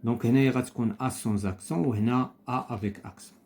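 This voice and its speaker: A man with a Moroccan accent explaining a primary school lesson, slowing down to spell out phrases carefully. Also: medium pitch, creaky, darkish tone. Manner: switches between Moroccan Arabic and slow, deliberate French. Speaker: teacher.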